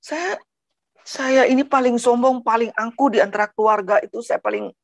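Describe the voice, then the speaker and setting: Earnest woman from Padang, gravelly voice. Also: on the high side, no echo. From Padang, West Sumatra. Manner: earnest, emotional, repeatedly addresses listeners as brothers and sisters; halting, repeats words as she talks. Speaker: testimony speaker. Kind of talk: personal religious testimony.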